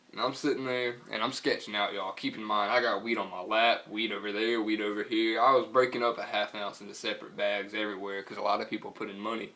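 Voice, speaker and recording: A man's voice: lowish voice, fairly bright tone. A young man with a Southern US accent telling a story casually in a slangy, profane, rambling way. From North Carolina, US.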